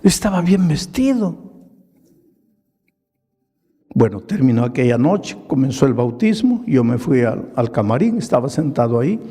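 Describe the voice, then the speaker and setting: A middle-aged man, a pastor, telling a story in a sermon at an earnest, measured pace and acting out the dialogue in it. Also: mid-range voice, very animated, warm tone, husky. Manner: slow, earnest storytelling that acts out quoted dialogue. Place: large hall. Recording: long reverb of a large hall.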